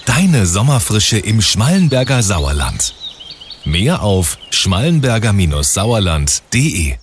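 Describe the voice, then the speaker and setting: A man reading a scripted radio promo in a smooth, measured way. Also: lowish voice, very animated, background noise. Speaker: radio announcer.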